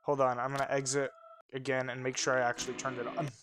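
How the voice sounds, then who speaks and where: A man's voice: mid-range voice, level tone, fast talker. A man casually chatting while playing a game and thinking aloud as he goes. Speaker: co-host of a game playthrough. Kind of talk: casual let's play chat. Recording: music playing underneath.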